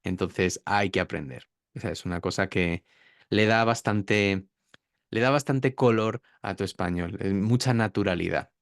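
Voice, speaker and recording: A male pronunciation teacher, speaking as an interview guest, explains pronunciation and draws out words to show the sounds. He has a lowish voice and a measured pace. The recording is studio quality, with no room sound.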